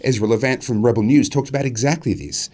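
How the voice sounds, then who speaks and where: A man hosting a news show, measured and earnest as he presents and interviews. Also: mid-range voice, darkish tone.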